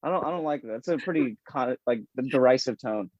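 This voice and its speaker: Guy rambling on a podcast, animated, laughs a lot, kinda muffled dry audio. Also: mid-range voice, fast talker, no room sound. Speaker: podcast guest. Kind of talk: casual chat. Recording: dull, dry lo-fi sound.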